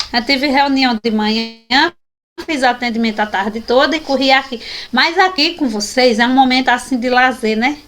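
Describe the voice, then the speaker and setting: A woman's voice: sits high, moderate pace, fairly bright tone. A woman with a Brazilian Portuguese accent teaching a sign language class, explaining patiently and often checking in with her students; she is tired after a long day. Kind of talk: online class lecture.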